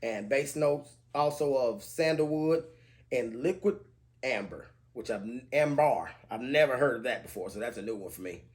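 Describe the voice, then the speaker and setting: A man with a mid-range voice talks through budget fragrances on camera at a moderate pace. His manner is easygoing, and he lists scent notes in a steady cadence.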